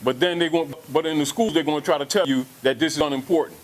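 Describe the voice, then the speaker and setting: A man's voice: on the high side, fast talker, rough recording. A man giving an emphatic lecture to an audience, repeating points and asking rhetorical questions.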